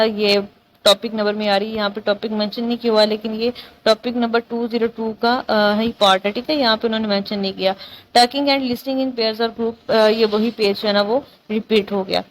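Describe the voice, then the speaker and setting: A woman's voice: on the high side, slight background noise, poor audio. A woman tutor, going over exam topics in a casual lecture, often checking in with her students. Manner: repetitive, checks in with "theek hai?".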